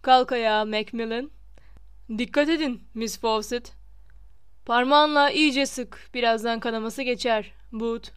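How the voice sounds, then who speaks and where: A woman voicing a vain, flustered male wizard professor in an audiobook, calling out in loud, theatrical exclamations. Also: fairly high pitch, unhurried, clear, resonant tone, lightly acted. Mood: showy. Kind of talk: audiobook character reading.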